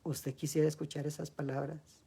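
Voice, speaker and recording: During an evening sermon, a man with a fairly high, gravelly, slightly rough voice asks his congregation questions at a moderate pace. Animated, he acts out heartfelt prayers aloud, rising into loud pleading passages.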